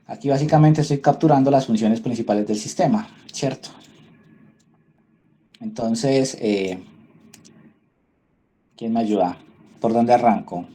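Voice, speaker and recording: A man's voice: mid-range voice, measured pace, long pauses, warm tone. A man gives an online class as an instructor. He thinks aloud as he works and keeps checking in with his students through tag questions. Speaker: university instructor.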